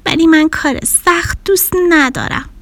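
A woman's voice: sits high, animated, voice pushed up. A woman voicing a whiny little bear cub. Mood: sulky. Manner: sulky and easily startled. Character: lazy, timid little bear cub, easily discouraged.

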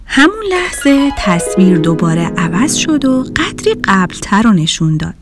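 Animated woman reading a children's story. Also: medium pitch, over loud music.

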